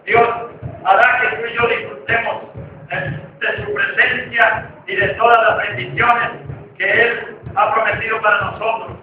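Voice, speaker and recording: A male pastor preaching a sermon with fervor, often rising to a shout. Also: high voice, flat delivery, measured pace, over music. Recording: distant echoey church hall, lo-fi, noisy.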